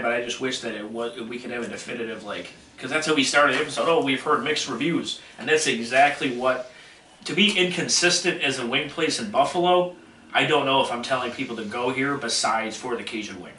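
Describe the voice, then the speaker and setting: A man's voice: medium pitch, quick pace, pushed and bright. A man co-hosting a casual podcast, rambling through his ratings with many fillers and restarts, recorded at a table with friends. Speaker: podcast co-host rating wings. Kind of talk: casual chat. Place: small room at a table with others. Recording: roomy, distant, faint hiss.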